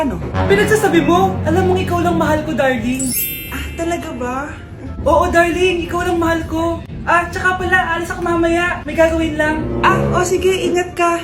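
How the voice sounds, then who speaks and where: A woman voicing excitable, melodramatic characters in comedy skits about family squabbles. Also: very high voice, normal speed. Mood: coaxing. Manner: melodramatic, exclaiming. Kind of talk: exaggerated comedy skit dubbing. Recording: echoey, music behind the voice.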